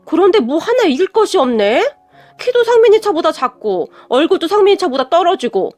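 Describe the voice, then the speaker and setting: A petulant, status-obsessed middle-aged mother, put on by a woman narrator, whining in a high, pinched voice that climbs even above the teller's own. She sounds slightly farther from the mic when she complains, and soft music hums under the storybook reading. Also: fairly quick. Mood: whiny. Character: whiny, vain middle-aged mother of the boyfriend.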